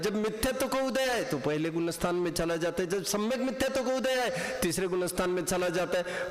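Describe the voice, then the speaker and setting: A man teaching a class of students, quizzing them and repeating his questions, mixing in English words. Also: high voice. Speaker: religious teacher. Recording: echoey hall with long reverb.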